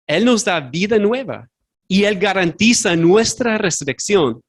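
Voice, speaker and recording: A male pastor gives an earnest, direct sermon in a church sanctuary, his voice high for a man, with lively intonation and a measured pace. Not a first-language Spanish speaker, he stops now and then to find a word and fixes his own slips aloud.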